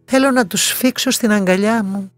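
A woman gives voice to a kind-hearted young princess in a bedtime story, pitching slightly above her narration and speaking gently and earnestly. Her natural-sounding voice has no room sound, with faint music in the background.

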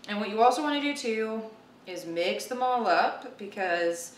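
In an expressive, mid-range voice at moderate pace, this thirty-something host chats informally through a cooking demonstration in her home kitchen, voicing her thoughts as she works. The recording has a little hiss or hum, sounds roomy and distant, and is loud with chopping, clicks and clattering pans.

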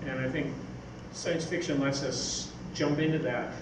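On stage in an event hall, an older male science fiction writer rambles through informal anecdotes while taking audience questions, his medium-pitched voice moving a little slowly. Picked up by a far camera microphone, the sound is noisy, echoey and far off.

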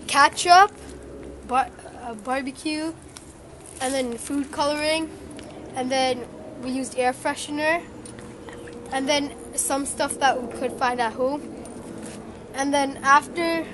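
A woman presenting an outdoor experiment, listing steps in a halting way with restarts. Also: high voice. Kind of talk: casual science demo. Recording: outdoor camera audio with clear noise.

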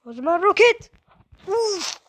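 A playful woman narrating her gameplay to viewers in a high, bouncy voice. She takes her time, drawing out her words unhurriedly, and sounds a little under the weather. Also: slow pace. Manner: playful, excitable, talks to viewers. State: slightly ill, voice a little changed. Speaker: gaming video creator. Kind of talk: casual gameplay commentary.

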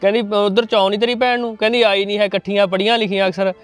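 A man playing a caring brother who gently coaxes his widowed sister in a family drama. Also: high voice, little pitch movement, rapid-fire, smooth, soft background music, lightly acted. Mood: coaxing. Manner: coaxing, reassuring.

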